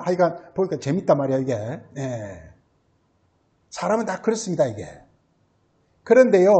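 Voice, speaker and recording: A pastor with a high, slightly mellow voice preaches a Sunday sermon, repeatedly posing questions and answering them himself. He leans heavily on filler words and frequently adds a short tag word to the end of a phrase.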